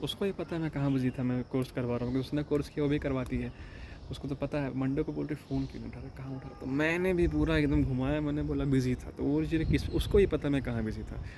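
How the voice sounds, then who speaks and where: A man who teaches yoga courses, talking in a rambling casual monologue and retelling phone calls in quick quoted bits. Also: mid-range voice, warm tone, slight background noise.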